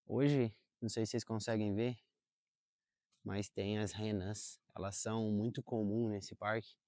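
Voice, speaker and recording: In a park, a young adult man with Portuguese as his first language gives casual vlog talk to camera, full of fillers and self-corrections. He speaks a little slowly in a lowish, slightly mellow voice with fairly even intonation. The recording is dry and studio-clean.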